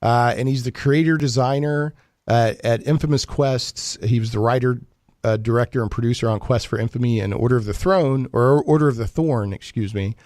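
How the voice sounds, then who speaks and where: A man hosting a talk show chats casually, rambling and joking in a mock-serious style, like radio banter. His voice is medium-pitched and darkish, brisk, recorded at studio quality with no echo.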